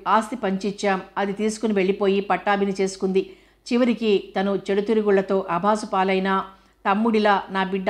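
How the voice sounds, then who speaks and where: Scolding, pleading words from an older widowed mother, voiced by a woman reading the novel aloud. She keeps an even, unhurried delivery at a middling pitch, with little rise and fall. It sounds like a letter read from a storybook. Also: close to an everyday voice. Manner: reproachful, pleading.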